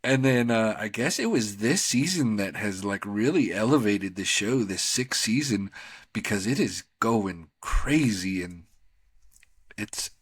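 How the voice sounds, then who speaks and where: A man's voice: lowish voice, animated, measured pace, breathy edge, dry recording. A man co-hosting a podcast, talking casually about TV shows in a rambling, slangy, conversational way. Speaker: podcast co-host.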